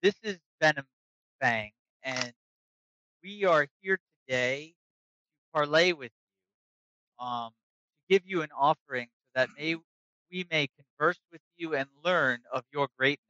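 A jittery male envoy, put on by a man stumbles over his words, his voice pitched a little higher. He sounds bright and a touch tense, and the lo-fi recording dulls him. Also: a little slow, pauses often, clean tone, no room sound. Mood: anxious. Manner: stammering, hesitant. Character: nervous, timid male villager envoy. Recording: dull lo-fi recording.

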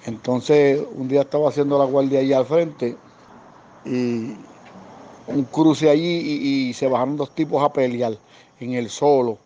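A man with a Puerto Rican accent casually tells true stories from his time as a security guard, using slang and animatedly acting out the voices of people he quotes. His mid-range voice is a little slow, and the lo-fi recording sounds dull with faint noise.

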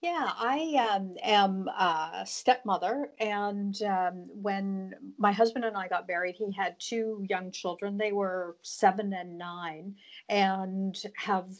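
A middle-aged woman speaks as a podcast guest. Her pitch is average for a woman. She answers in a conversational way, explaining things from her own point of view. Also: takes it slowly. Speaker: podcast guest, broadcast business host.

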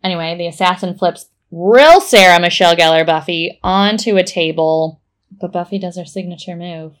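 A woman co-hosting a podcast, retelling a TV episode scene by scene in a casual, animated way. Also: on the low side, normal speed. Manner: animated play-by-play storytelling. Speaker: podcast co-host. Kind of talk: casual episode recap chat.

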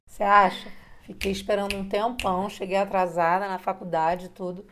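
A woman from Brazil chatting casually, telling emphatic, animated stories. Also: medium pitch, brisk, a little hiss or hum. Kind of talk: casual chat.

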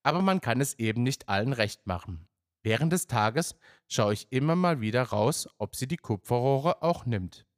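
A man's voice: mid-range voice, expressive, normal speed, no room sound, studio quality. A man reading a first-person story aloud in a plain, matter-of-fact way. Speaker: narrator.

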